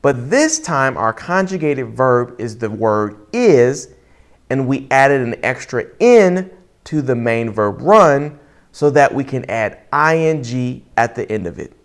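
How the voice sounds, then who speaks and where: A man teaching an English lesson in a playful, deliberate way, quizzing the listener. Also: mid-range voice, expressive. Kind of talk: lesson voice-over over movie clips.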